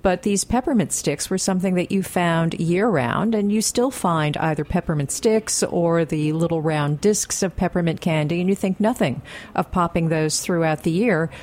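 A woman's voice: lowish voice, normal speed, darkish tone. Articulate woman explaining candy history. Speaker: food historian guest. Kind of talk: casual studio conversation. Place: radio studio.

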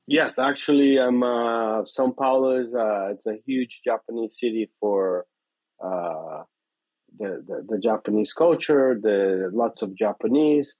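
A man's voice: lowish voice, unhurried, a little mellow, no room sound. A man in his fifties from Brazil with a Brazilian Portuguese accent, a chef and restaurant owner being interviewed, speaking hesitantly with many fillers. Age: 50s. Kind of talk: casual interview. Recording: dry, slightly dull sound.

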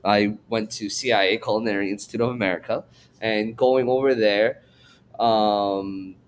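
A man's voice: on the low side, fairly even intonation, moderate pace, a little hiss or hum. A man from Korea, raised in New York, talking as a chef guest on a podcast in a thoughtful, rambling way. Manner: thoughtful, rambling, many fillers and restarts. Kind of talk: casual interview.

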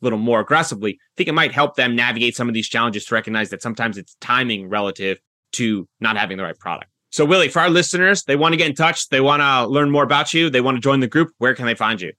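A podcast host runs an interview show conversationally, talking fast in an expressive, mid-range voice that's notably bright with a crisp, energetic edge. It's recorded close and dry, with no room sound.

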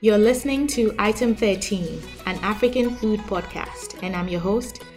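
A woman's voice: medium pitch, moderate pace, darkish tone. A woman hosting a podcast, reading its scripted introduction. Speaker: podcast host. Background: faint music.

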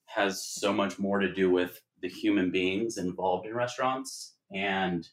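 A man, a restaurant partner, talking in an interview in an earnest, measured way. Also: deep voice, fairly even intonation. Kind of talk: casual interview talk.

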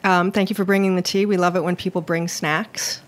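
A woman's voice: fairly low pitch, fairly even intonation, brisk. A woman hosting a live radio interview show, addressing listeners and guests from a small studio. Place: small broadcast studio in a shipping container.

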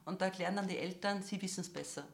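A woman's voice: on the low side, quick pace, gravelly. A woman, explaining her views at length in an earnest conversational discussion. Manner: explains at length, quotes parents and children in asides. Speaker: guest expert on body image and eating.

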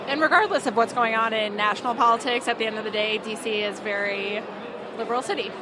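A woman's voice: on the high side, fairly even intonation, fast talker. A woman from New York who makes craft syrups, talking in long, casual sentences at a busy food market. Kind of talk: casual interview answers. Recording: crowd and street noise.

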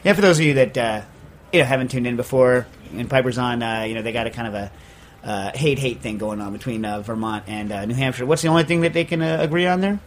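A man's voice: medium pitch, fast, slight background noise. Male radio host, casual studio banter, loose, joking delivery with plenty of "uh"s. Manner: loose, joking, rambling with many fillers.

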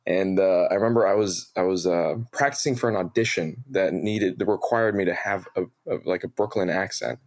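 A man in his twenties, a guest telling animated, self-mocking stories with many fillers over a video call. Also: low voice, a little fast, few pauses. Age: 20s. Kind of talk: casual interview storytelling.

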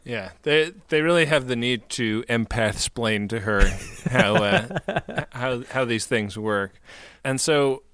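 Taking it slowly, a medium-pitched man with a fairly bright tone co-hosts a podcast with no room sound. He casually recaps a TV episode with plenty of jokes and laughter, retelling scenes in playful voices.

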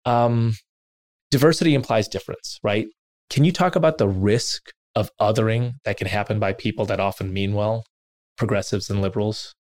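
A man with a low-pitched voice tells a personal story in an earnest, self-deprecating way. The sound is dry and close, with no room around it. He animates the quoted asides as he hosts the interview. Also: normal speed, darkish tone, no echo. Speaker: interviewer and podcast host.

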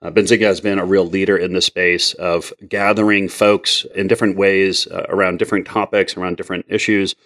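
A man's voice: sits low, little pitch movement, fairly quick, few pauses, a bit bright. A man hosting an interview podcast, rambling and full of fillers as he introduces his guest and asks questions. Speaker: podcast host. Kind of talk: interview conversation.

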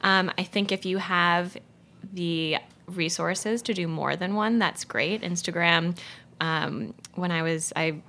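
Woman in her thirties, chicago accent, chatty interview guest, fairly low voice, quick with fillers. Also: steady tone, creaky, bright, forceful tone. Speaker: guest, social media consultant. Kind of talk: casual interview chat.

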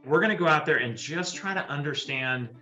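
Chatty man with a bright echoey voice. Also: fairly high pitch, a little fast, soft background music. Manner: chatty, animated storytelling with fillers. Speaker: tournament director. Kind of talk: interview soundbites.

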